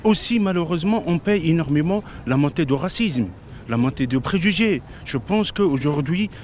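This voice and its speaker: A man from Tunisia speaking as a protester at an outdoor rally, earnest and halting, repeating words as he goes. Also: on the high side, lively intonation, darkish tone. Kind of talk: street interview statement. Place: outdoors on a city street.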